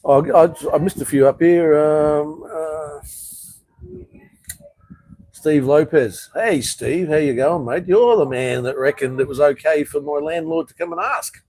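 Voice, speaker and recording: A man's voice: on the high side, unhurried, a little mellow, no echo, poor audio. An Australian man hosting a casual live chat, reading viewer comments and answering bluntly, swearing often and calling people "mate".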